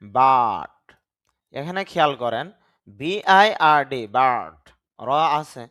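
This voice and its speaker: A man whose first language is Bengali, teaching an English lesson and slowly spelling out words and sounds. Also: medium pitch, animated, fairly bright tone, highs cut off. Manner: spells out letters and drawn-out pronunciations, stressing syllables.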